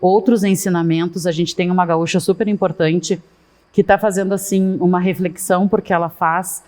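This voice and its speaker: A middle-aged woman, a guest in a casual interview, talking at length and in an animated way with many asides. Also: fairly low pitch, moderate pace. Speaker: guest, fashion consultant.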